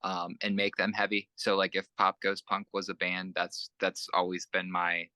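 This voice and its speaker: Bright-voiced young male musician, very low. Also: completely flat delivery, normal speed, no echo. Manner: rambling, many fillers and restarts. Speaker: band musician, interview guest. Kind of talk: casual interview chat.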